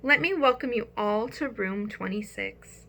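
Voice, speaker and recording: A woman's voice: medium pitch, animated, a little slow, fairly bright tone, slight background noise. Woman doing a cheery schoolteacher.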